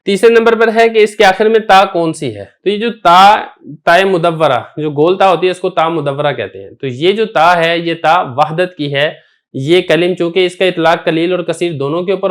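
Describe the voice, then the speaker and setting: A male teacher giving a recorded grammar lesson, explaining step by step and asking and answering his own questions. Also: high-pitched. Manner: recites quoted text slowly and deliberately.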